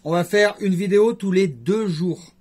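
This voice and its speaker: High-pitched man, rambling jokey vlogger. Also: normal speed, a little mellow, slightly rough. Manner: rambling, jokey, conversational asides. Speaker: YouTuber host. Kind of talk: casual vlog chat to camera.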